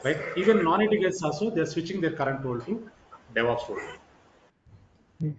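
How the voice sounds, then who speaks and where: A man's voice: fairly high pitch, animated, normal speed, a little hiss or hum. A man giving an informal online lecture as a course trainer, repeating himself and checking in with "right" and "okay". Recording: roomy echo, slightly muffled sound.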